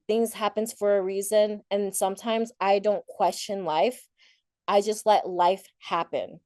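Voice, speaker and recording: This woman, a Thai native speaker from Thailand who later moved to the United States, gives a conference talk about her own life that is informal, candid and motivational. She has a medium-pitched, darkish voice and speaks reflectively, conversationally, often rephrasing herself. The studio-quality audio has no room sound.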